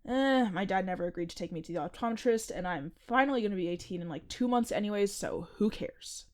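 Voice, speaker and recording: A fast-talking woman with a medium-pitched, slightly mellow voice plays a seventeen-year-old podcast host in an audio drama. The acting is light and conversational, with the boy coming across as chatty, earnest, casual and pushy.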